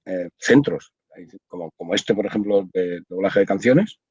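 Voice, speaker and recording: A man's voice: sits low, normal speed, darkish tone, slightly rough, dry recording, dull audio. An older man from Spain, a translator, explaining his work at length in a casual video-call interview, with many restarts. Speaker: audiovisual translator, interview guest.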